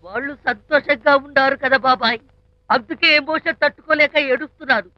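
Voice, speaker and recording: A teasing, preachy friend. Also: male voice, very high-pitched, a little fast, no room sound, dull audio. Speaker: friend of the hero. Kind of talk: film comedy dialogue.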